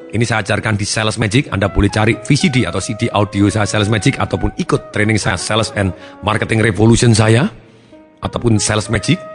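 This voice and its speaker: Animated male motivational speaker. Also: mid-range voice, long reverb tail. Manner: animated, acts out voices and tones for examples. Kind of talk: motivational seminar talk.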